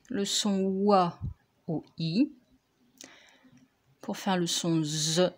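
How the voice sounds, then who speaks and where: A woman teacher, slowly dictating and correcting spelling words for young pupils, articulating each word carefully. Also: medium pitch, a little mellow. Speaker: primary school teacher.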